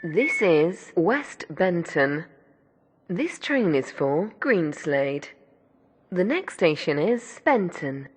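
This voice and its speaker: Casting: woman playing formal train announcer for a game, lower register, slow scripted station announcements, train rumble behind. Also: very animated, heavily acted. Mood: measured, formal. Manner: measured, formal public-announcement delivery. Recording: clear train rumble noise. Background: train vehicle ambience in a simulator game.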